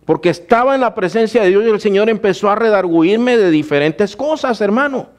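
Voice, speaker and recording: Guy preaching, telling his own story, keeps calling folks brother, kinda high voice. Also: lively intonation, fairly quick. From Guatemala. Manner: addresses listeners as brother, storytelling. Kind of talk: sermon with personal testimony.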